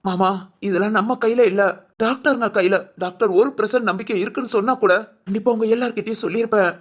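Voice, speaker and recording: A performer voicing a gravely ill young man in an animated family drama, who speaks gently and with resignation. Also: medium pitch, fast, lightly acted. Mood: gentle.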